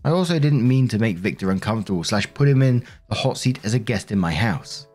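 A man's voice: lowish voice, lively intonation, fairly quick, darkish tone, soft background music. A man reading Reddit relationship stories aloud and then reacting bluntly in his own words. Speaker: story narrator.

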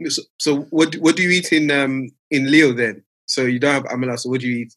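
Man, podcast host, mid pitch, curious, easygoing, casual chat. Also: fast talker, a bit bright. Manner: curious, easygoing questions with fillers.

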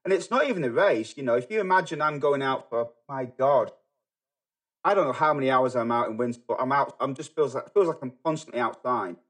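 A middle-aged man from England with a Manchester accent, talking as a podcast guest in a halting way, full of fillers and restarts. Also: medium pitch, fairly bright tone, husky. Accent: Manchester English. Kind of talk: casual podcast conversation.

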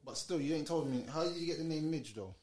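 A man's voice: a little high, fast talker, a little mellow. A man with a London accent asking questions in a casual, slangy interview chat.

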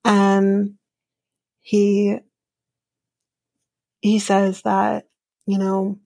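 A woman's voice: mid-range voice, completely flat delivery, drawn-out words, creaky, mellow, no echo. A young woman hosting a podcast, recapping a reality show in a casual, opinionated, chatty way, full of "like" and "um" and laughing at her own asides. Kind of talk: casual chat.

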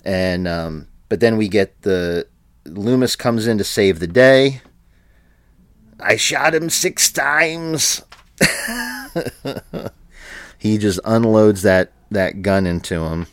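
A man with a low voice talks slowly as a podcast co-host, his pitch rising and falling widely as he chats. He laughs often and fills his pauses with ums and restarts. The recording is dry and close. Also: very animated, no room sound. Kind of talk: casual chat.

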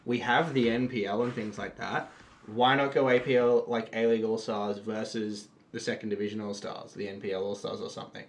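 A man's voice: on the low side, steady tone, fairly quick. An Australian man arguing casually as a panellist on a podcast. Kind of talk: casual debate.

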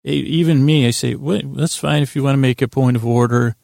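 A podcast host with a gravelly, creaky voice at a middling pitch speaks in lulling tones on a sleep podcast, recorded close and dry with no room sound. His monologue meanders and halts, gently self-deprecating along the way.

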